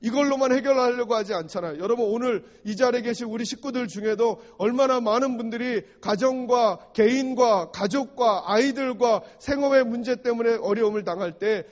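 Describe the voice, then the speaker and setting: A man's voice: extremely high pitch, brisk, few pauses. A man preaching a sermon as pastor, often asking the congregation questions and acting out short quotes. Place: church sanctuary. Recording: dull sound with long hall reverb.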